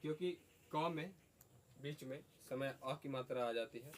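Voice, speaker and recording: A teacher with a mid-range voice and a measured pace runs a class lesson. He asks questions, then repeats the students' replies, against faint background noise.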